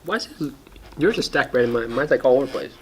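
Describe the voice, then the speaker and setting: A man's voice: mid-range voice, animated, quick pace. A man chatting casually while eating for a mukbang, with short reactions and hums between bites. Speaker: mukbang co-host.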